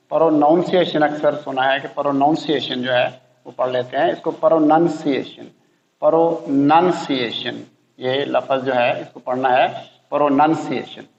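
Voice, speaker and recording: A man teaching English pronunciation to beginners, slowly repeating each word many times. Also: a little high, a little mellow. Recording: roomy, echoey, dull lo-fi sound.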